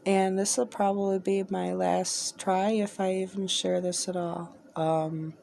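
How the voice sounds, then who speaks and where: A woman hosting a spirit box session, talking in a rambling, halting, exasperated way as she addresses spirits. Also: medium pitch, flat delivery, gravelly, warm tone, a little hiss or hum.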